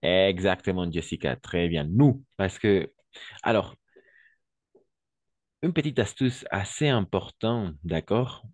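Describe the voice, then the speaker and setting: In a low, expressive voice, this man patiently walks Spanish speakers through French lessons, switching into Spanish and asking "d'accord?" again and again. There's no room sound on the recording.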